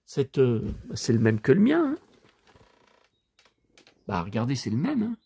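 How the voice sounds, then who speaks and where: A man's voice: medium pitch, wildly swooping pitch, measured pace, vocal fry, dark tone, breathy edge. A man chatting casually to camera as he shows off his recent purchases, exclaiming and repeating himself. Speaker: vlogger showing purchases.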